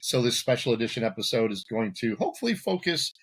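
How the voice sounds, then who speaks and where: A man's voice: medium pitch, sing-song, fast talker, husky. A man hosting a podcast episode in casual chat, giggly and self-deprecating. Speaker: podcast host.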